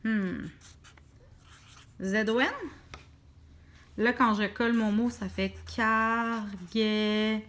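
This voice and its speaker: A woman teacher with a Québécois French accent, slowly talking children through a writing lesson and stretching out each syllable. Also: medium pitch, fairly even intonation. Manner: slow, stretched-out sounding of syllables.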